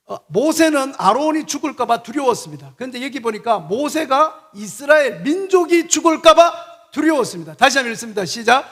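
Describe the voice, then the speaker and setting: A man's voice: extremely high pitch, very animated, fairly quick, few pauses, a bit bright. A man preaching a passionate sermon in a church and leading the congregation to repeat phrases after him. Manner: impassioned, leads congregation in call-and-repeat. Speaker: guest preacher, missionary. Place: church sanctuary. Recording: long church reverb.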